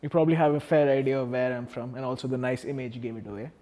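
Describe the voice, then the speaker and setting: A man's voice: mid-range voice, fairly even intonation, fast, mellow. A man in his thirties with an Indian accent, giving a chatty, self-deprecating talk on stage in a large hall, wearing a lapel mic, with many restarts. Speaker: speaker at a public talk. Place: large dark hall with a projector screen. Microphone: small lapel mic. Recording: long hall reverb.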